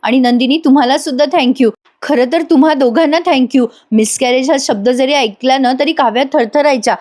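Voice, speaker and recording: A woman's voice: sits high, moderate pace, a little mellow, lightly acted. A woman reading a heartfelt, grateful young man. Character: grateful young man thanking his brother.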